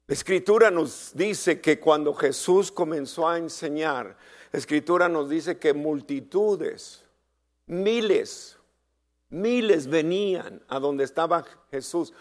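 A man preaching a sermon, slow and dramatic, who asks the congregation for responses and rises to shouted peaks. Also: a little high.

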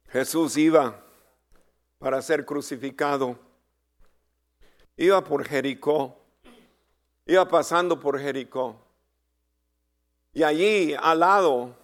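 A man preaching a sermon, slow and dramatic, who asks the congregation for responses and rises to shouted peaks. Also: fairly high pitch.

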